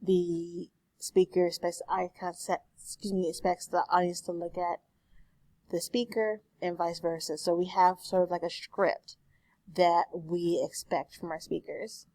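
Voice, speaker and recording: Woman teacher lecturing on camera, kinda low voice, chatty, keeps saying excuse me, dry close sound. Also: level tone, a little slow, a little mellow, no echo. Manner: conversational, frequent self-corrections and "excuse me". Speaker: college speech instructor. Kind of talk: recorded online lecture.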